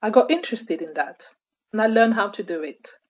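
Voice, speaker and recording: A woman reading an interview translation as a calm voice-over. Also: mid-range voice, fairly quick, muffled recording.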